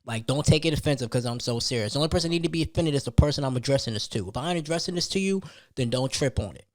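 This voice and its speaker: Expressive and racing, this mid-range male podcast host tells a personal story as a loose, slangy rant. He's emphatic throughout, repeating phrases and firing off rhetorical questions.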